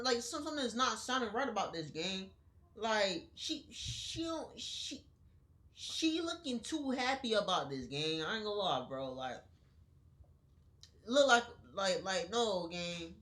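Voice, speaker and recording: A woman's voice: mid-range voice, a bit bright. Woman streamer reacting to a clip, slangy, keeps repeating words, talks to chat. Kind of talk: casual live-stream reaction commentary.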